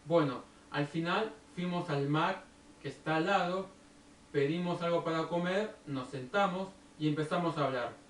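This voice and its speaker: A man with a Rioplatense Argentine accent and a fairly high voice tells a personal story at an unhurried pace, then turns it into a lesson. He sits some distance from the microphone in an echoey room, with faint noise in the background. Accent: Rioplatense Argentine Spanish. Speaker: video blogger.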